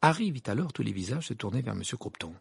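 A man narrating an audiobook with a gravelly, very husky voice. His reading is expressive and dramatic, with a lively rise and fall. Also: mid-range voice, quick pace, dry recording. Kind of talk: scripted narration.

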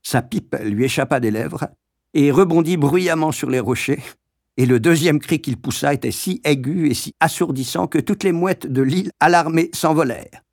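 A man's voice: a little high, normal speed, creaky, darkish tone, no room sound. Man reading a story dramatically, dry sound. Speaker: narrator.

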